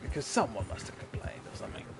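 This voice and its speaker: A man's voice: quick pace, over loud music. A man streaming a video game, chatting casually, swearing a lot and laughing often. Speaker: livestreamer. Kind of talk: casual gameplay commentary. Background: game audio.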